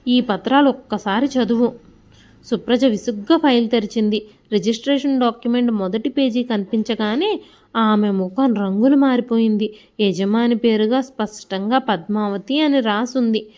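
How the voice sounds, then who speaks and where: A woman's voice: a little high, moderate pace, a little mellow. Woman narrating an emotional family story.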